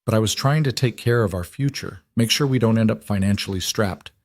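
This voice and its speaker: A man voicing a warm-hearted young ranch cook woman, speaking earnestly and firmly. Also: on the low side, a little fast, no room sound.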